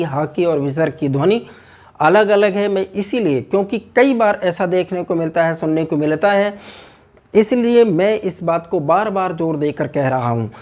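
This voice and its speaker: A man teaching pronunciation, speaking slowly and emphatically and repeating example words to contrast sounds. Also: high voice, darkish tone. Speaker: Hindi teacher. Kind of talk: pronunciation lesson.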